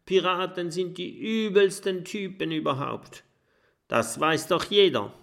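A man voicing a young female porcupine in a children's audiobook, fearful and sharp-tongued. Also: high voice, measured pace, gravelly, pitched above the performer's own voice, exaggerated voice. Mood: protesting.

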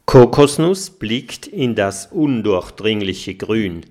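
A man narrating a children's story with expressive, unhurried storytelling. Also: fairly low pitch. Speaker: audiobook narrator.

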